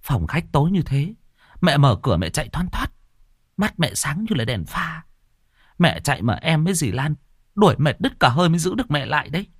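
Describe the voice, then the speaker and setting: A man's voice: sing-song, brisk, husky, no echo, studio quality, full character voice. A man voicing a frightened adult daughter, pleading and stammering. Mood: indignant. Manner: pleading, stammering, shrill when scared.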